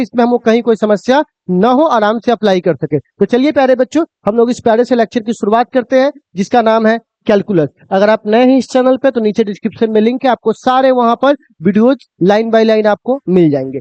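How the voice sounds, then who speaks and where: High-voiced male physics teacher. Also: a little mellow, smooth, no echo, muffled recording. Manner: addresses students fondly, asks and answers his own questions. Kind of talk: classroom lecture to students.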